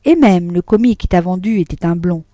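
A woman's voice: on the low side, expressive, a little fast, dark tone, no room sound, clean studio sound, close to an everyday voice. A woman voicing a wronged wife who presses her husband impatiently and coldly, in a read-aloud novel. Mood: accusing. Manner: impatient, cold, pointed.

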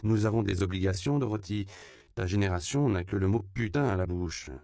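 A man's voice: deep voice, brisk, warm tone, no echo, clean studio sound. A man voicing a bossy, impatient middle-aged mother who scolds and gives orders. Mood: scolding. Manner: scolding, commanding.

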